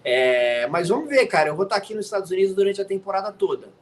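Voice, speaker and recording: An NFL commentator raised in the United States joins a casual chat as a guest from his home studio, teasing and tagging his lines with "né?". His voice is high-pitched, animated, and fast, with a little hiss or hum.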